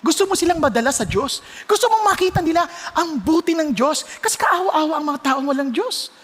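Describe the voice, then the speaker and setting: A pastor with a Filipino accent preaching a sermon, mixing Tagalog and English with sudden loud exclamations. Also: male voice, very high voice, animated, fairly quick, in a large hall.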